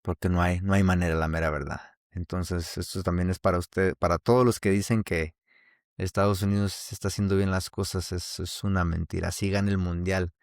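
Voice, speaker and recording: With a Mexican Spanish accent, a man from Mexico hosts a solo podcast casually, talking a little fast in a low-pitched voice with fairly even intonation. He rambles and restarts often, captured in a dry, clean studio recording.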